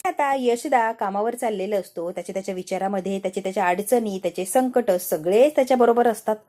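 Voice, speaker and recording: A woman recapping a TV serial episode in an animated storytelling style, acting out the characters' lines as she narrates. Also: mid-range voice, quick pace. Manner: animated, switches between narration and acted-out lines.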